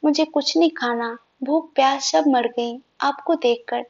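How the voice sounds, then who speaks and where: A woman's voice: sits high, measured pace. A woman voicing a loving, teasing young husband who speaks tenderly and coaxingly, in a dull lo-fi recording.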